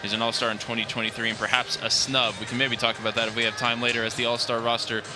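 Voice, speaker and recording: A man calling a soccer match as the radio play-by-play announcer, delivering lineups and statistics in a brisk, polished way from a stadium booth. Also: medium pitch, level tone, over music. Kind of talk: radio sports broadcast.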